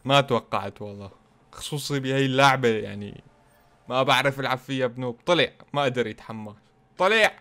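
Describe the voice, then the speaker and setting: A man commentating his own fighting-game match, excitable and teasing his opponent as he plays. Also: medium pitch, quick pace. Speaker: gaming channel host. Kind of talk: gameplay commentary.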